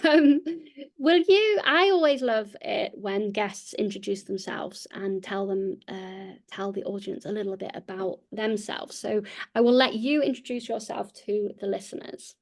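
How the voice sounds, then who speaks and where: Woman, podcast conversation, reflective, chatty, restarts phrases, mid pitch. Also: unhurried, gravelly. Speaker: podcast guest and interviewer.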